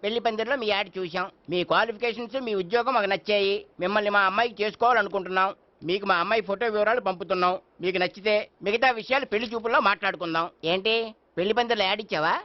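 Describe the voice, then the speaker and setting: An actor playing a cheeky office clerk who teases a colleague. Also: male voice, high voice, fast talker, no room sound, dull audio, natural voice. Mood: teasing. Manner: teasing, wisecracking.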